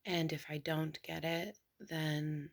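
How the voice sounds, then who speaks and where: A young woman talking quietly to her viewers at home in the early morning, half whispering and rambling with many fillers. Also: low-pitched, little pitch movement, slow pace, creaky. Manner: hushed, half whispering so as not to wake someone. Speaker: vlogger. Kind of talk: casual hushed chat to camera.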